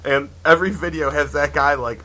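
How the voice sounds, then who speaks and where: A man's voice: fairly high pitch, fairly even intonation, fairly quick, sharp tone, poor audio. A man co-hosting a podcast remotely from home, telling band stories in a casual chat and laughing often as he imitates people. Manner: laughing storyteller, mimics people he quotes. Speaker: podcast co-host and band guitarist.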